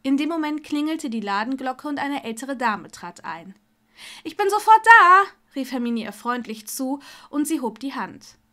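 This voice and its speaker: A woman reading fan fiction aloud as an audiobook narrator, steady and expressive. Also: on the high side. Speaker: audiobook reader.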